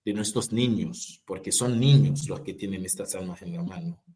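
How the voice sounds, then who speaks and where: A man's voice: fairly low pitch, sing-song, moderate pace, dark tone. A man from Haiti speaks as a political activist, emphatic and repeating phrases for rhetorical weight. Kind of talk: impassioned political talk.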